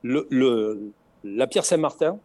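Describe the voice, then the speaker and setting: A man's voice: mid-range voice, expressive, slow, a little mellow. A middle-aged man with a southern French accent, chatting as an interview guest, talking expansively with many restarts and repeated words. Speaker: guest, former race logistics organizer. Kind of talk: casual interview chat.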